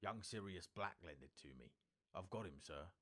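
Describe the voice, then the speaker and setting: A man's voice: sits low, expressive, normal speed, a bit bright. A man voicing a huge, loyal giant in a storybook, plain-spoken and deferential. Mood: respectful.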